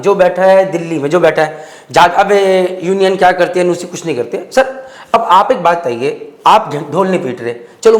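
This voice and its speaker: A male podcast host conducting a conversational interview, pressing his guest with follow-up questions and mixing English words into his speech. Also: sits high. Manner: persistent, pushes with follow-up questions. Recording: roomy studio echo.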